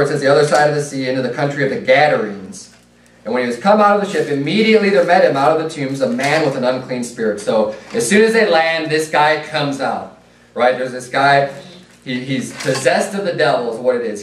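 Preacher, male, casual sermon delivery, fairly high voice, roomy church sound from off-mic. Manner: conversational preaching with fillers and asides. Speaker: pastor. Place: church sanctuary. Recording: echoey room, mic at a distance.

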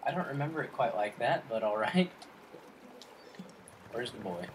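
A man's voice: medium pitch, animated, normal speed, slight background noise, low-quality recording. A young man giving casual gameplay commentary, joking around and easily startled. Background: game music.

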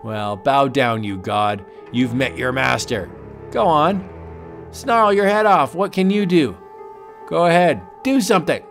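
A man's voice: medium pitch, expressive, unhurried, a bit bright, faint music behind. A man voicing a cruel, obsessed male big-game hunter with an arrogant, domineering manner. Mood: taunting. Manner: arrogant, domineering, later panicked.

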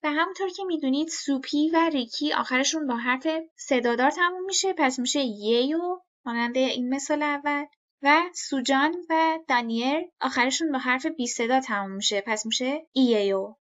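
A woman giving a scripted language lesson, speaking clearly and patiently and repeating each example slowly. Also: high-pitched, a bit bright, dull audio. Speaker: language teacher.

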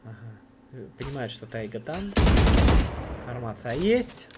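A man giving live play-by-play esports commentary, with halting phrases as he follows the action. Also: mid-range voice, very animated. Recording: clear noise, clicks, game sounds.

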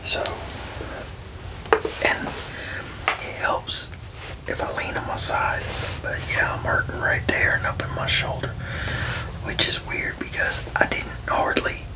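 A person whispering a casual ASMR ramble, halting and frank, with folksy turns of phrase. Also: distant mic, poor audio. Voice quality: unvoiced, breathy whisper with creaky edges. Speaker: ASMR video creator.

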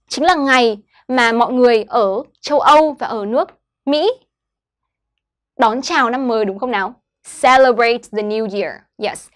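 Higher-voiced woman teaching English words. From Vietnam. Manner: slow clear modeling of English words, then explaining. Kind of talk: online English lesson for children.

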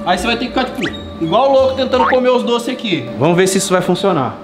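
A man's voice: high-pitched, lively intonation, quick pace. A young Brazilian man hosting a challenge vlog, chatting casually and slangily with friends. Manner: informal, slangy. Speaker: challenge host. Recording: echoey room, music behind. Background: background music.

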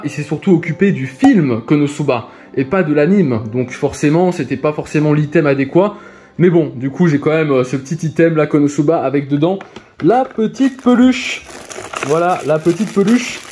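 A man casually showing his convention purchases on camera, chatty and excited, with many fillers and repeated words. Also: on the high side. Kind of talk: casual unboxing vlog.

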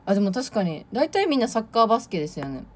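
Quick and very animated, a young woman in her late teens from Tokushima, Japan, chats on her idol audition livestream, going through viewer comments. Her mid-range voice carries Kansai Japanese with touches of Awa dialect, and she's bubbly and laughs often.

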